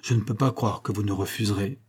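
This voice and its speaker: A man reading aloud voices a vain, jovial man who laughs at everything and insists loudly. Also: lowish voice, fairly even intonation, quick pace, husky. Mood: insistent.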